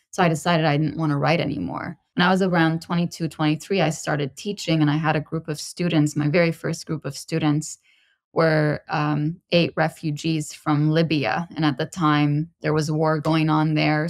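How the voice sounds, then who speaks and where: A woman in her thirties from Lebanon, a podcast guest telling her personal story in a measured, introspective way. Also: low-pitched, dry recording, studio quality. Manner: measured and introspective, pausing to find words.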